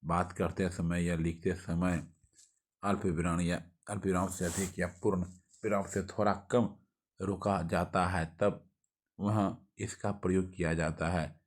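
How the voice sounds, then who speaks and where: A man with a Bihari Hindi accent teaching a quick exam revision lesson, reading grammar notes aloud with restarts and frequent checks of "okay". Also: low voice, flat delivery.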